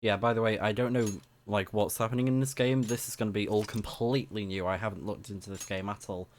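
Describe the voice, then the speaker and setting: Over background game music, this streamer talks fast in a steady tone, his voice on the low side and slightly scratchy. He's a young man offering casual, enthusiastic play-by-play of his video game while thinking out loud.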